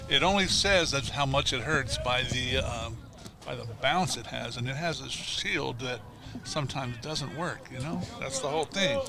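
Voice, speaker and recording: A man's voice: medium pitch, moderate pace, gravelly. A man giving casual, conversational baseball commentary and opinions as a color commentator.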